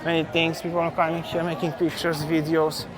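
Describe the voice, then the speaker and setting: Amid crowd noise and poor audio, the Polish travel vlogger speaks briskly and monotonously in a voice on the high side as he walks a bustling street market. Chatty and accented, he repeats words and phrases things simply, as a non-native speaker.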